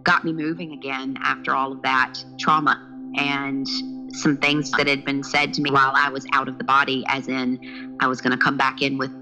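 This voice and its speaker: A woman in her fifties from the southern United States, a podcast guest telling her life story in a lively, earnest way. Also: extremely low pitch, normal speed, music in the background, low-quality recording. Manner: lively, earnest, with laughs and restarts. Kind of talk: personal storytelling in interview.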